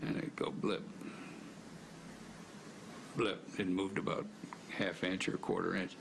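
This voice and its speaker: A man's voice: deep voice, little pitch movement, a little slow, gravelly, noisy background. An older man, an interviewee telling an anecdote casually and vividly. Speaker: documentary interviewee. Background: music.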